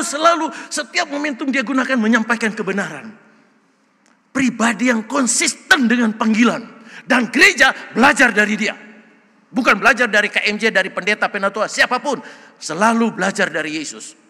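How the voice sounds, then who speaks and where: Loud, bright-voiced older pastor. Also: male voice, very high voice. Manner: loud, joking, asks the congregation questions. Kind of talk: sermon. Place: church sanctuary. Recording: long church hall reverb.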